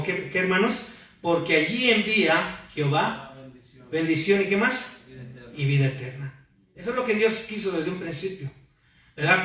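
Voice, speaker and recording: A man's voice: high-pitched, fairly bright tone. A male preaching a sermon, asking the congregation questions and prompting their replies. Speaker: pastor. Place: church hall. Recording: very echoey hall, mic far off.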